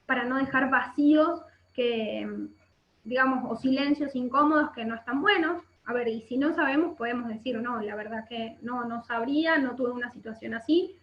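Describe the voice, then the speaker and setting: A workshop instructor with an Argentine Spanish accent gives an explanatory online webinar in a fairly high voice at normal speed, often checking in with short questions. She's on a webcam video call in an indoor room by a window, and the audio is muffled and echoey.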